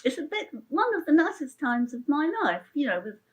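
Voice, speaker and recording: A woman's voice: sits high, sing-song, brisk, poor audio. An older woman telling her own story in an interview, chatty and heartfelt, rambling with many restarts. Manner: emotional and heartfelt.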